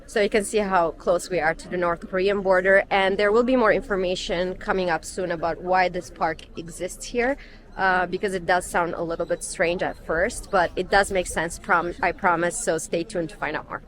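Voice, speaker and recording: A woman's voice: on the low side, steady tone, moderate pace. A young woman talking casually on a travel vlog, explaining things to the camera with frequent ums while on an outdoor guided tour in cold weather. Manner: chatty, explanatory, with frequent um fillers. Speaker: travel vlogger.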